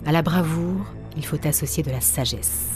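A woman voicing a wise, protective old she-bear in a storybook reading, calm and steady. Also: low voice, moderate pace, music in the background, natural voice.

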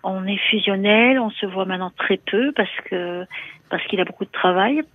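A woman's voice: mid-range voice, moderate pace, dry recording. A woman calling a radio show over a landline phone, talking hesitantly and repeating her words as she confides. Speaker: radio caller. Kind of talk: call-in conversation. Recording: tinny phone line, dry.

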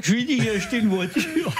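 A man's voice: very high voice, heavy background noise. A man telling a casual anecdote, talking through hard laughter with his voice breaking into squeals.

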